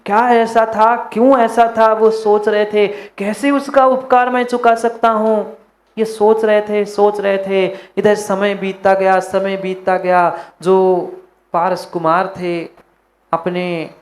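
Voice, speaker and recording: Male monk, sermon, high voice, slow delivery, repeats lines for emphasis. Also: little pitch movement. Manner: slow, repeats phrases for emphasis, addresses listeners directly. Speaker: Jain monk preacher.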